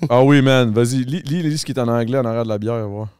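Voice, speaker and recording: A man's voice: medium pitch, quick pace, darkish tone, smooth, no room sound, studio quality. A young man with a Québécois accent hosting a casual podcast, hyped and mixing English slang into his French. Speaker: podcast host.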